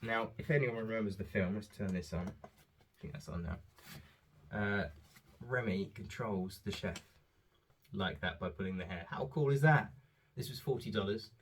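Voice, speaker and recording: A man's voice: lowish voice, normal speed, pauses often, a little hiss or hum. Chatty man rambling at home. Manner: chatty, rambling, frequent ums. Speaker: father showing holiday purchases. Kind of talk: casual haul vlog.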